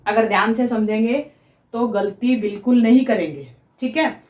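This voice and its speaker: A woman teaching grammar in a slow, deliberate way. She repeats each sound for pronunciation and checks with her students that they follow. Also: fairly high pitch, a little mellow, reverberant, poor audio. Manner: addresses viewers as students, checking understanding. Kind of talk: classroom-style explanation at a board.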